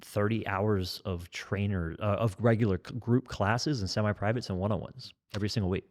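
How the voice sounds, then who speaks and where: A man's voice: lowish voice, brisk. A man in his forties with a nasal voice, a fitness educator chatting at length on a podcast and explaining everything in detail. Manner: talkative, over-explaining, joking. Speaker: kettlebell trainer and fitness educator. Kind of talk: casual podcast conversation.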